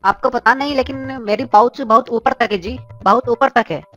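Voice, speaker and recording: A woman's voice: normal speed, fairly bright tone, lo-fi sound, soft background music. A woman doing a whiny cartoon neighbor. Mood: pleading. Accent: South Indian-styled Hindi. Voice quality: whiny, polite, adds "ji" constantly. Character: pleading, persistent male neighbor Chodumal. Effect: high pitch-shifted cartoon voice.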